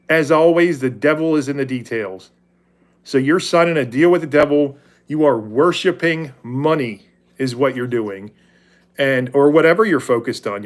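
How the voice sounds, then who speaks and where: A man in his forties hosting a livestream, talking about faith with viewers in a rambling, candid way that often restarts and corrects itself. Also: medium pitch. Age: 40s. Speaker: livestream host. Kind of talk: casual faith talk with viewers.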